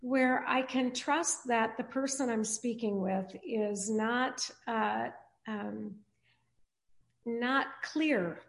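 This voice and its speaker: A woman pastor hosting a podcast interview, speaking in a halting way with many fillers and restarts. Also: fairly high pitch. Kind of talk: casual interview chat.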